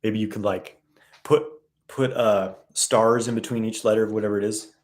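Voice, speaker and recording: Relaxed low-voiced man hosting a live Q&A. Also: normal speed. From West. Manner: relaxed, rambling, reads chat questions aloud. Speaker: livestream host answering viewer questions. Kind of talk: casual live Q&A.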